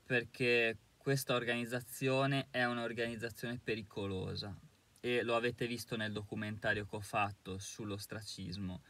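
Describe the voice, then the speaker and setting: A man's voice: medium pitch, pushed and bright, no room sound. A man giving an indignant, emphatic monologue to camera as a commentator, with hesitant fillers between his points. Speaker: YouTube commentator.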